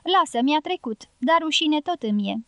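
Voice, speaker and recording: A shy, grieving young ex-bullfighter who speaks in a subdued, ashamed way, as a woman reads him out. The voice stays high for a young man, and the recording is close and dry. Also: animated, fairly bright tone, no room sound. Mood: ashamed sad.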